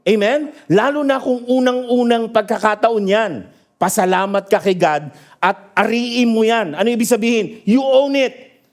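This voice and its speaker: A man preaching a sermon in a lively storytelling manner, often asking his congregation for an amen and laughing at his own stories. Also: very high-pitched, moderate pace. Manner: asks the congregation for agreement. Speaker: pastor. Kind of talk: sermon mixing Tagalog and English. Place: church.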